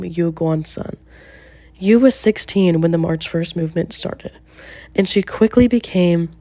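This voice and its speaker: A young woman student presenter, a native English speaker, narrates a scripted film review in a low, mellow voice. She slows down carefully when saying names.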